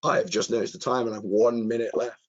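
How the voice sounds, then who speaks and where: A man with a hoarse, croaky voice answers questions as an earnest, enthusiastic presenter in a live webinar. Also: medium pitch, level tone, quick pace, highs cut off. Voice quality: croaky, husky. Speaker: presenter, cyber security content author.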